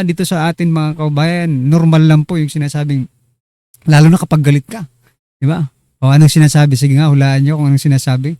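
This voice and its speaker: A man's voice: fairly high pitch, warm tone, clean tone, dry recording, clean studio sound. A man hosting a casual political commentary show, chatty and teasing as he talks straight to his viewers. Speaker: online news commentary host.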